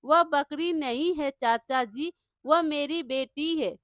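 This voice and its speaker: Woman playing a poor male farmer, humble, soft-hearted, pleading, high, bright. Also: slow pace, no echo, clean studio sound.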